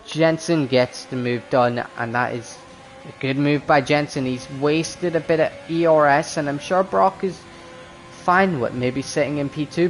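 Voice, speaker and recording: A man doing live motorsport race commentary as a commentator, excitable when the action picks up. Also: on the high side, poor audio.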